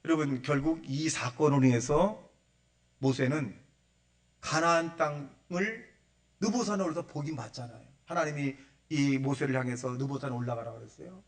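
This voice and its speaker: A male pastor giving a Sunday sermon, acting out the voices he quotes and swinging between loud bursts and hushed asides. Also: medium pitch, far from the mic. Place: church sanctuary.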